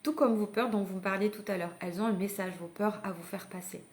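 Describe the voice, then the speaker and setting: In a live online masterclass, a woman who coaches parents speaks in a steady, slightly mellow mid-range voice at a quick pace. Her tone is encouraging and conversational; she addresses listeners directly, invites them to act, and often hesitates or restarts.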